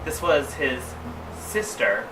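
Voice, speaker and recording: A man with a sassy drag queen delivery, reading fan fiction aloud comedically, with theatrical drawn-out emphasis and mock-scandalized asides. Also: mid-range voice, animated, over music. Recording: roomy, distant mic, clearly noisy background.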